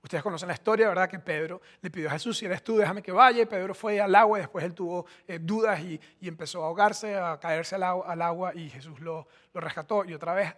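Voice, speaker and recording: Animated male pastor. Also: high-pitched. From Costa Rica. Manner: conversational, emphatic preaching with frequent restarts. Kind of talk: sermon.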